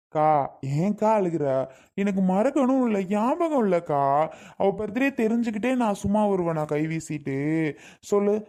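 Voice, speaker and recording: A woman playing a young man who calms his crying older sister in a family skit, coaxing and reassuring. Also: medium pitch, normal speed, close to an everyday voice. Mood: soothing.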